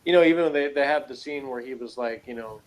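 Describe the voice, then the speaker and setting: Reviewing a TV series as a co-host, a man speaks fast in a medium-pitched voice over a rough recording. His take is casual and analytical, with hesitations and rambling while he works out his points.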